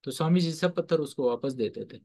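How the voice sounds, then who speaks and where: A man with a slightly high voice leads a motivational lesson, telling stories like a teacher and counsellor. He often stops to quiz his listeners and moves freely between Hindi and English phrases. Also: fairly quick, a little mellow. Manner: quizzes listeners with repeated questions. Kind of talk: motivational storytelling lecture.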